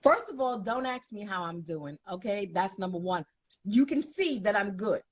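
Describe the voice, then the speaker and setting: Sassy Brooklyn woman, husky voice. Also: medium pitch, lively intonation, normal speed, dry recording. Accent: Brooklyn New York. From Bed-Stuy, Brooklyn, USA. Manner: sassy, emphatic, playful. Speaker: guest, plus-size model. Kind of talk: casual interview chat.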